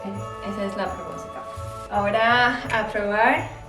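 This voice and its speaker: A woman's voice: medium pitch, a little slow. Lady chatting, mixes in words, sounds far off in a roomy space w music. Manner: lively, mixes English words into Spanish. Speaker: vlogger. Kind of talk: casual chat.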